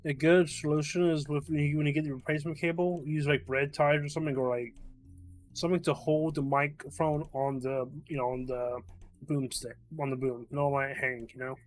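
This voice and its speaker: A man on a livestream call, chatting casually and giving advice in a halting way. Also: fairly high pitch, level tone, faint music behind. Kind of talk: casual chat.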